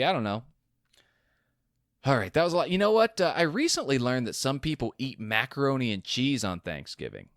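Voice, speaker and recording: A man hosting a solo sports podcast, talking fast in animated rants, his mouth going dry. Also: medium pitch, no echo. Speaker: podcast host.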